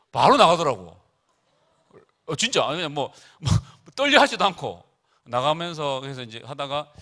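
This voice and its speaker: A man's voice: fairly high pitch, pushed and bright. A middle-aged man preaching casually to teenagers at a retreat, chatty and joking as he tells family stories.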